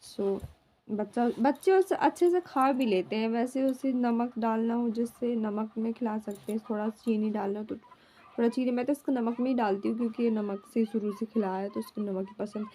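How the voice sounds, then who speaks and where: A young woman, a mother, chatting casually to her vlog audience at home in a rambling, homely way, often filling pauses as she talks. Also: fairly high pitch, dark tone. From India. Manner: rambling and homely, fills with "matlab".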